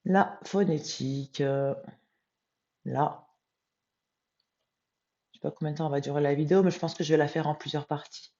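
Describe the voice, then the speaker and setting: A tired woman, a medium thinking aloud as she transcribes a text live, muttering to herself and reading passages slowly. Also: low-pitched, fairly even intonation, mellow, dull audio.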